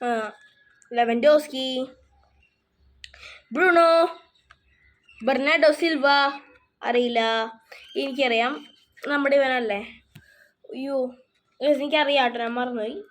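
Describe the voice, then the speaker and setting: A woman's voice: high-pitched, a little slow, long pauses. A woman chatting casually in a show-and-tell vlog, reading names off her cards one by one. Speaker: vlogger showing her card collection.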